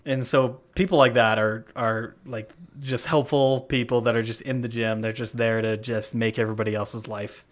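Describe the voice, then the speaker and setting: A man's voice: mid-range voice, fairly even intonation, moderate pace, few pauses. A man co-hosting a podcast, telling a story in casual chat, full of fillers and restarts. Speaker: podcast co-host. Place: worked at a gym front desk.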